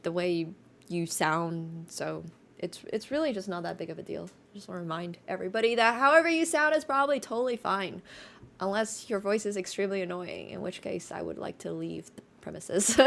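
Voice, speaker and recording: A young woman from Finland, whose first language is Mandarin, speaks with a light American accent in a medium-pitched, expressive, creaky voice that's slightly nasal. She's a live streamer chatting casually with her viewers. She throws in quick asides and laughs often.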